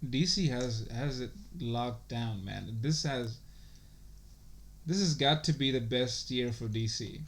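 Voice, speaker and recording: A man co-hosting a podcast in loose, casual chat. He rambles and circles back on himself, leaning on "like" and "you know" and swearing freely. His voice sits at an ordinary middle pitch. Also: slow. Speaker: podcast co-host.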